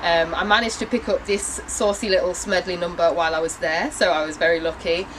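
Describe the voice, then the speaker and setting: A woman's voice: fairly low pitch, steady tone, a little fast. A woman who knits, telling about a visit in a casual, upbeat and playful way. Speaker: knitter on a visit. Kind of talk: casual account. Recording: outdoors with traffic noise.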